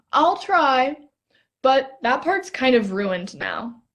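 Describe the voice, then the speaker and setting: A woman's voice: high voice, very animated, extremely slow, fairly bright tone, full character voice. A young woman acting a playful, curious stargazer in a stage play reading, teasing and eager. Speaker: actor in a rehearsed play reading.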